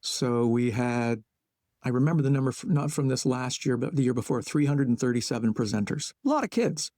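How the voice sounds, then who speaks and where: A man guest, a playwright and educator, talking reflectively in an interview and thinking aloud in short measured phrases. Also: mid-range voice, expressive, mellow, dry recording, clean studio sound.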